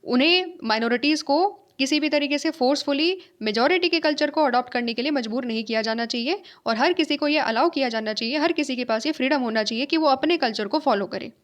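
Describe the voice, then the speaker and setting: A woman's voice: high voice, fairly quick, few pauses. A woman teacher giving a lecture, asking and answering her own questions, repeating key points and checking that her students follow. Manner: mixes in English phrases, checks understanding with tag questions. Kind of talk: classroom lecture.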